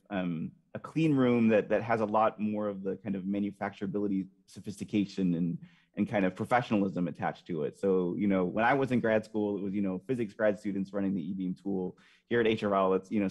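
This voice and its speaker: Low-voiced man explaining technical work. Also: a little mellow, dull audio. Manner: measured, technical, many fillers. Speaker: panelist, industry scientist. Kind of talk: explanatory panel answer.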